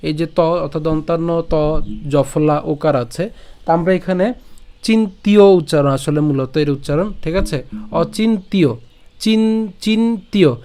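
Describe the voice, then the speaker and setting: A man teaching recitation, breaking words into syllables slowly and patiently and checking in often with his listeners. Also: on the high side, mellow, smooth. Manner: slow, patient syllable-by-syllable drilling with frequent "ঠিক আছে?". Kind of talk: online recitation lesson.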